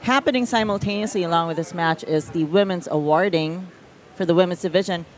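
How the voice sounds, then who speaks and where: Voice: mid-range voice, brisk. A commentator at a live outdoor match who chats, adds stats and asides, and banters with the booth. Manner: chatty, gives stats and asides. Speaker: sports commentator.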